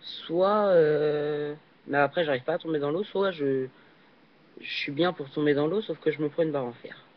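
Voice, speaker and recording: A young man casually commenting while he plays a video game, hesitant and full of fillers, with sudden excited yelps on jumps. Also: on the high side, normal speed. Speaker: gaming channel host. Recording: dull lo-fi recording.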